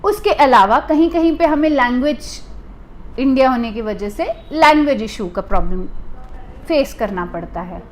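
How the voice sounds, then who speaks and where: A woman from India who runs a private detective agency, explaining to the camera in a deliberate way and restating her points for emphasis. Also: high voice, expressive.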